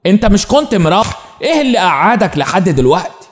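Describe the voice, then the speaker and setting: A sharp, scolding middle-aged Egyptian wife who runs everyone around her, as a man narrator puts her on. The voice sits high and swings widely in pitch, with a long reverb trailing after each line of this spoken story. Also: sing-song, fast. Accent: Egyptian Arabic. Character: bossy, bad-tempered middle-aged woman pharmacist's wife.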